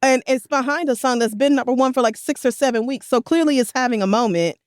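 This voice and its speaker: A woman's voice: sits high, fast talker, no room sound, studio quality. A woman co-hosting a podcast in casual chat, laughing often, blunt and swearing freely. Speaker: podcast co-host.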